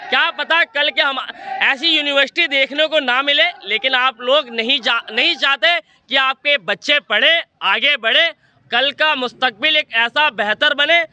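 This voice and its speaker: A young male student activist speaks in a very high, piercingly bright voice. His talk is fiery and defiant, full of rhetorical challenges to the people around him. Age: young adult. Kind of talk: impassioned public speech and argument.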